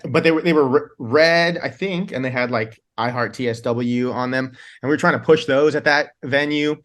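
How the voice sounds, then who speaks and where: A man's voice: mid-range voice, normal speed, fairly bright tone. A man, a band's singer, telling long rambling tour stories in a casual interview, laughing often and restarting his sentences. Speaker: band singer, guest.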